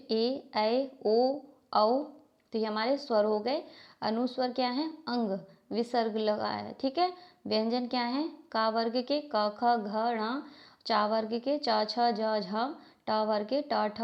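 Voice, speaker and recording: Lo-fi, high-voiced woman teaching grammar. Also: darkish tone. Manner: asks a question, then answers it herself; spells out letters slowly one by one. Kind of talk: grammar lesson, reading out definitions. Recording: dull lo-fi recording.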